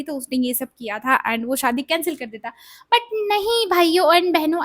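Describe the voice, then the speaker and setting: A young woman vlogger telling a personal story in a casual storytime style, animated and acting out the voices she quotes. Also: high-pitched, dry recording, clean studio sound.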